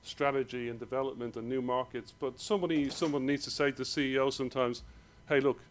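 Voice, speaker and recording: A man with an Irish accent, giving a hurried conference presentation in a hall. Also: medium pitch, fairly even intonation. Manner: rushed, hurried delivery. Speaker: conference speaker.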